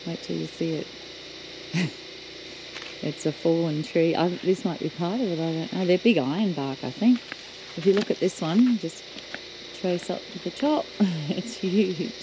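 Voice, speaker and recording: A woman's voice: on the low side, a little slow. An Australian woman chatting casually as she tours outdoors, laughing often and pointing things out. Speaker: travel vlogger. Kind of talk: casual chat while touring. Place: outdoors, driving the beach and walking bush tracks. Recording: outdoor video with noticeable background noise.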